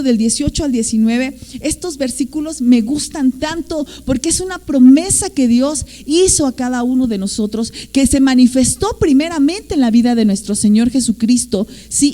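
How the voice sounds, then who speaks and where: A Mexican woman preaching to her congregation in a mellow, warm voice that sits a little high. She tells her points like a story and keeps checking in with her listeners. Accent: Mexican Spanish. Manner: storytelling, acts out quoted voices, asks "¿sí?" often. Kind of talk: sermon.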